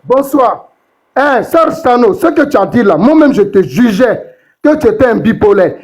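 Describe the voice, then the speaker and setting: A man with a strikingly high voice comments on a live-stream panel. His delivery is emphatic and repetitive, and his sentences are padded with fillers as he pushes his point. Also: sing-song, moderate pace, a little mellow.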